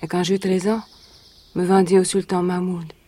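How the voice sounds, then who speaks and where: An actress in a 1980s radio drama playing a young woman who was once a captive, telling her story in a measured, solemn way. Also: on the low side, level tone, mellow, close to an everyday voice. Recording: vintage radio recording.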